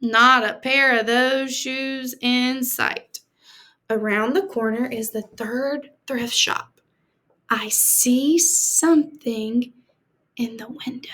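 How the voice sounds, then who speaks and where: A female teacher reads a storybook aloud to children, her slightly high voice expressive, deliberate and explanatory.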